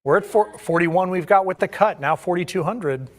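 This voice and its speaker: A man's voice: high voice, moderate pace. A man working as an auctioneer, calling bids in a repetitive chant of numbers and increments.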